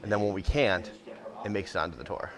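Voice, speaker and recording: A middle-aged man who owns and guides for a ghost tour company talks unscripted about his work in an interview, conversational and matter-of-fact. He has a deep voice and talks fast, with loud music behind him.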